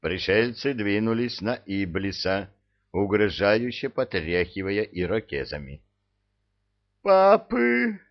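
A male narrator reads a comic fairy tale with wry, unhurried storytelling. His low, gravelly voice moves slowly but rises and falls a lot. The recording is dull and lo-fi. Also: very animated. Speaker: audiobook narrator.

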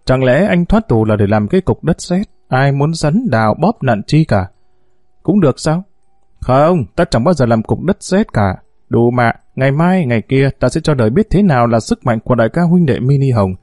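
A man's voice: medium pitch, animated, moderate pace, darkish tone, no echo, clean studio sound, close to an everyday voice. A man voicing a scheming, domineering female gang boss who talks with a sneer in a storybook reading. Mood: scornful. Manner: sneering, swaggering talk.

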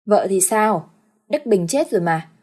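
A woman voicing a calm, frank young master of a wealthy family who speaks tersely and dryly. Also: mid-range voice, unhurried, breathy edge. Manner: laconic, dry.

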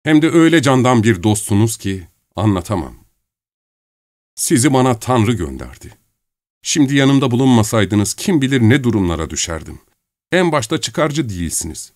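A man's voice: mid-range voice, no echo, clean studio sound, natural voice. A man voicing a cheerful, impulsive young woman in an audiobook, speaking eagerly. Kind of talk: audiobook character reading.

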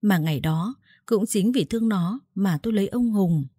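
Mellow, breathy woman narrating a story. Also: mid-range voice, normal speed, no room sound, clean studio sound. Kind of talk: first-person storytelling narration.

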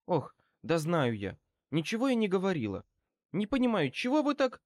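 A man's voice: high voice, wildly swooping pitch, normal speed, no room sound, studio quality, pitched above the performer's own voice. A man reading an audiobook and voicing a brassy, defiant female crook who snaps back with sneering retorts. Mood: flustered, defensive. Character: middle-aged female small-time crook, brassy and defiant.

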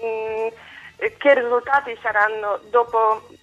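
A woman's voice: fairly high pitch, steady tone, a bit bright, soft background music. Polish woman on a muffled phone line. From Poland. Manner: halting, searching for Italian words. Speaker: guest. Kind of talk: phone interview.

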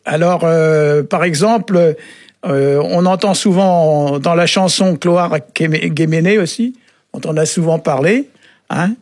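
A man explaining word meanings on a radio show in a relaxed, halting way, often pausing with filler sounds. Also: a little high, no echo, clean studio sound. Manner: halting, often adds "hein" and "euh". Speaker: Breton language expert on a radio show.

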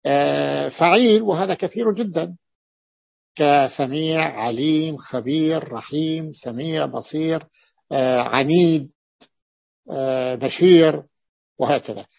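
A man teaching Arabic morphology in a classroom lesson, often repeating terms and pausing on drawn-out fillers. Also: a little high, vocal fry. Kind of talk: classroom lesson explaining a text. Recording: dull lo-fi lesson recording.

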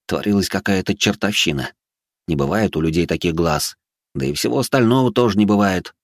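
A man's voice: deep voice, a little fast, creaky, dry recording. A man narrating a gritty first-person audiobook in an intense, dramatic way on a close studio mic.

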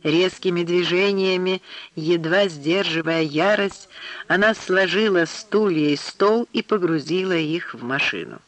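Slow, high-voiced male narrator. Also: a bit bright. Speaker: audiobook narrator. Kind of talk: scripted narration.

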